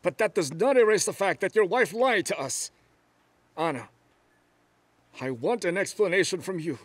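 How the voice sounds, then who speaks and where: A man's voice: high-pitched, lively intonation, moderate pace, no echo. An actor dubbing a stern, angry older father who scolds his daughter-in-law. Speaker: dub actor. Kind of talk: drama dub.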